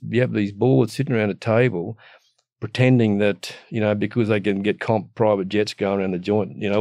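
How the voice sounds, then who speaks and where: A man's voice: lowish voice, gravelly, warm tone, no room sound, studio quality. A middle-aged Australian man ranting casually and bluntly, with the earthy, matey slang and mild swearing of an Aussie tradesman. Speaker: guest giving opinions. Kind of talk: casual opinionated rant.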